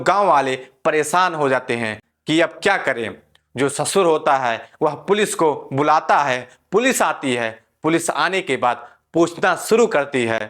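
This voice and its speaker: A man's voice: on the high side, fairly bright tone. A man narrating a crime story in a plain, conversational retelling with frequent spoken fillers.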